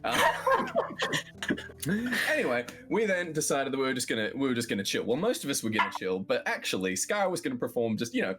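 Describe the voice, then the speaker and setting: A man's voice: medium pitch, big pitch swings, fairly quick, fairly bright tone. Jokey Australian man recapping a game. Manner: rambling, jokey, slangy. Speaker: player giving a recap. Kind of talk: comic recap of a tabletop game.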